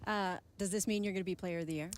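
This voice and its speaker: A woman's voice: medium pitch, steady tone, fast talker, a little hiss or hum. A woman interviewing live as a sideline sports reporter. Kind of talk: live post-match interview.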